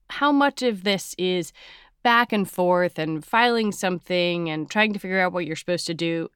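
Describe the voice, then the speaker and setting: A woman's voice: mid-range voice, a bit bright, smooth, no room sound. Woman podcast host in a dry studio. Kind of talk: scripted narration and interview questions.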